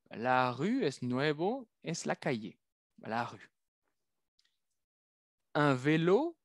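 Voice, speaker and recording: A man's voice: medium pitch, dry recording, clean studio sound. A man teaching a French lesson, carefully drawing out and repeating each French word for his learners. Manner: careful, drawn-out pronunciation of French words. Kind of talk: language lesson.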